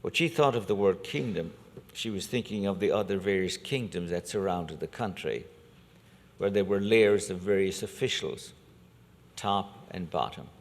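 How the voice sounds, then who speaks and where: A man with a very low voice speaks as a priest from the altar. His delivery is measured and solemn, as in a liturgical reading or homily. Long cathedral reverb trails each phrase. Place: large reverberant church during Mass.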